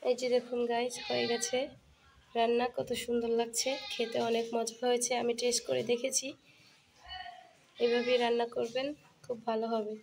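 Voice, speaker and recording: A woman's voice: a little high, moderate pace, creaky, pauses often, slight background noise. A woman vlogger talks viewers through a recipe step by step while she cooks at a home wood-fired stove. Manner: steady step-by-step narration, addresses viewers as friends. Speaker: cooking vlogger. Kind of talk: casual cooking demonstration.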